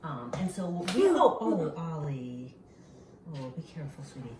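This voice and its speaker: A woman's voice: low-pitched, big pitch swings, normal speed. A woman from Burma, a mother, casually explaining a family cooking activity at home to her children's classmates. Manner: warm explaining to schoolchildren, chatty with fillers. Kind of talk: casual home video narration. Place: home kitchen. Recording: echoey kitchen, camera far off, noisy.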